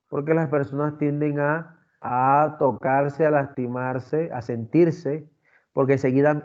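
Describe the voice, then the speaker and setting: A man's voice: mid-range voice, mellow, muffled recording. A man teaching an online class, lecturing and often asking the students questions. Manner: talkative, asks the class questions, many fillers.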